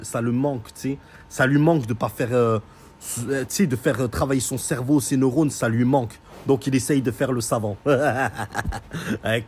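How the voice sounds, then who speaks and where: A young man telling a story in a casual, sarcastic rant, mocking and animated as he recounts events. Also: medium pitch, husky.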